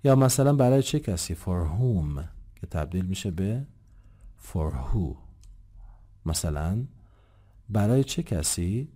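A man's voice: low-pitched, sing-song, pauses often, warm tone. A man teaching English grammar, explaining patiently and politely, asking rhetorical questions and answering them himself. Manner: addresses listeners politely and formally. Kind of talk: grammar lesson.

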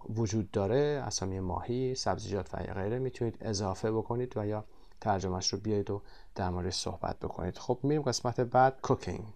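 A man teaching English vocabulary in a textbook lesson, drawing out the English words slowly and explaining quickly in between. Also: medium pitch, a little mellow.

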